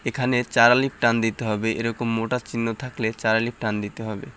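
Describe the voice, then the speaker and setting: A man's voice: mid-range voice, flat delivery, a little fast, fairly bright tone, smooth. A man teaching Quran reading. He spells out the letters and vowel marks one by one, then chants the joined syllables. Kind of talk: slow letter-by-letter recitation drill.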